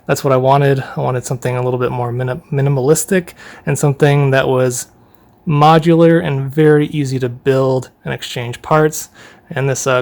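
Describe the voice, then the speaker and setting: A young man giving a casual tour of his bedroom, chatting in a relaxed, rambling way with fillers and small laughs. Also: medium pitch. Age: young adult. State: running out of breath. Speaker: YouTuber giving a room tour. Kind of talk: casual room tour vlog.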